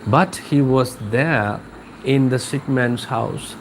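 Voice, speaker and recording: A man's voice: medium pitch, takes it slowly, a little hiss or hum, poor audio. A man teaching an English class live, explaining a poem with repetition and questions to his students.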